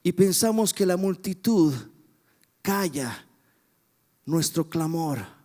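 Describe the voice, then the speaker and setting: High-voiced pastor preaching in a reverberant hall. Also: male voice, normal speed. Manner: impassioned, dramatic retelling with rhetorical questions to the congregation. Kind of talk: sermon. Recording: long reverb of a church hall.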